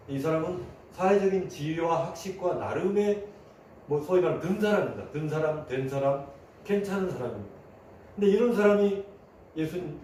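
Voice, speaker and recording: A man's voice: on the high side, warm tone, recorded from a distance, slight background noise. A man preaching a sermon as a pastor, talking conversationally and acting out the voices he quotes. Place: church sanctuary. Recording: echoey room, voice from afar.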